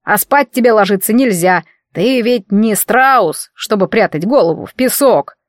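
A sarcastic talking wardrobe with a man's air of mock drama, teasing and grumbling in a voice pitched a touch above a middling one, as a woman reading a fantasy audiobook puts him on. The sound is dry and close, with no room around it. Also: animated, measured pace, dry recording, natural voice.

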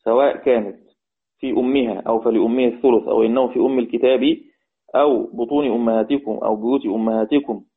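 A man with an Egyptian accent teaching Quran recitation rules, repeating key words slowly and quizzing his students. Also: medium pitch, steady tone. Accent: Egyptian Arabic. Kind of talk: explaining recitation rules in a lesson. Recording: tinny phone-like sound.

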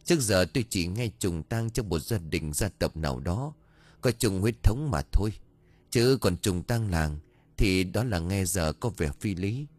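A man voicing a calm old village wife. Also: low-pitched, measured pace, no room sound. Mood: reassuring. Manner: calm, reassuring.

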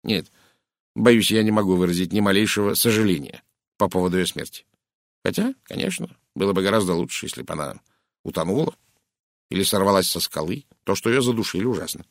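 Man voicing curt English spinster, audiobook; gravelly low tone, dry read, blunt and cutting. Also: fairly quick, no room sound. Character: stern brusque middle-aged English spinster. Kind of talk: audiobook character reading.

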